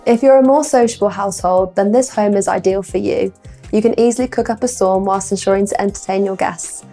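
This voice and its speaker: A woman's voice: medium pitch, a little fast, mellow, soft background music. A young woman presenting a scripted house tour as a property presenter, with upbeat, complimentary sales patter. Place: indoor rooms of a furnished house. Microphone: lapel mic.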